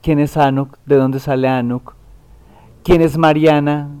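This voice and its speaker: A man's voice: a little high, little pitch movement, measured pace, a little mellow, clear, resonant tone. A man hosting a talk show, who talks in a rambling, affectionate way and often corrects himself. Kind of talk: casual interview hosting.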